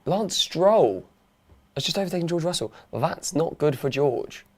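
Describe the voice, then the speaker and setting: A man's voice: fairly high pitch, expressive, crowd noise. A man co-hosting a live race watch-along, chatting casually and teasing his friends. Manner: teasing, quick to egg others on. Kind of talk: casual chat.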